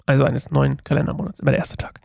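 A man's voice: medium pitch, rapid-fire, gravelly, darkish tone, husky, no echo, studio quality. A man reading aloud from the Bible and adding casual, chatty commentary for listeners, with loose fillers and restarts. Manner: addresses listeners directly.

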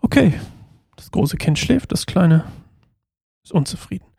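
Gravelly-voiced man reading scripture aloud. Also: high voice, expressive, a little slow, a little mellow, no room sound, studio quality. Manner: reads aloud, then retells casually with fillers. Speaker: Bible reader and commentator. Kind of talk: Bible reading and casual commentary. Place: home.

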